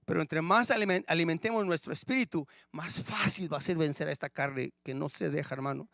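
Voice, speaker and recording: Male pastor, high voice, dry close recording, sermon, rhetorical questions, calls listeners brother, loud emphasis then hushed asides. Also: fairly quick, vocal fry, no echo. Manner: dramatic swings between loud emphasis and hushed low asides.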